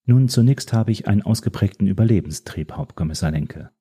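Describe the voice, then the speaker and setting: A man voicing a calm, mysterious woman informant who speaks in a measured, quietly menacing way. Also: on the low side, breathy edge. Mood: cool, composed.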